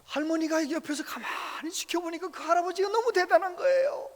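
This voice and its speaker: A man preaching a sermon as pastor, telling stories with animated, acted-out voices. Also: very high-pitched, fairly quick. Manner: animated storytelling, acts out quoted voices. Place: church sanctuary. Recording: reverberant church hall.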